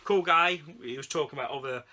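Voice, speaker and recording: A man's voice: fairly high pitch, fast talker, pushed and bright. A man co-hosting a movie vlog, chatting casually about a convention haul in a rambling, chatty way. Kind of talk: casual chat.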